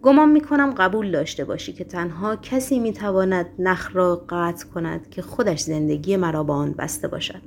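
Woman reading as a gentle, earnest prisoner. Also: lowish voice, few pauses, slight background noise, natural voice. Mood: calm. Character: calm, gentle male prisoner, earnest and unafraid.

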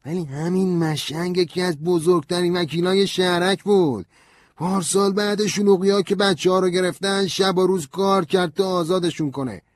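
A man playing a cheerful, crude, energetic young man in an audiobook, brash and slangy in his delivery. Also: high-pitched, a little hiss or hum, close to an everyday voice. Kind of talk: audiobook character reading.

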